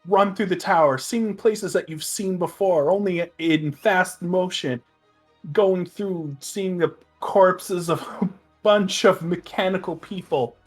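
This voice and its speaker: A man narrating a tabletop fantasy game as game master, halting and restarting his phrases as he describes. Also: high voice, faint music behind.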